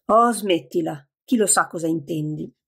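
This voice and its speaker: A woman with a gravelly, husky voice voicing an irritable, stubborn older woman in a care home, in an audiobook. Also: fairly low pitch, normal speed.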